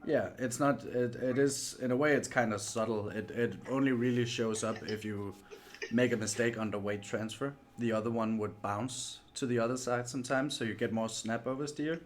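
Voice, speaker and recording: Slight background noise sits under this sim racer's mid-range, steady voice as he talks at normal speed. Hosting his livestream, he keeps the gaming chat casual, polite and somewhat self-deprecating.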